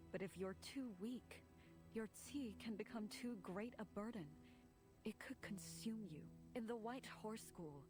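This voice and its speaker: A woman's voice: mid-range voice, natural voice. A woman playing a stern, wise martial arts master. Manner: calm, instructive. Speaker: grand master. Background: game music.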